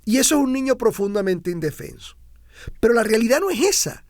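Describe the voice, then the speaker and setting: A man's voice: extremely high pitch, big pitch swings, a little fast, no echo, studio quality. A middle-aged Venezuelan man with a Venezuelan accent hosts a motivational talk, emphatic, repeating and stretching key words for effect. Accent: Venezuelan Spanish. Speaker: motivational speaker and host.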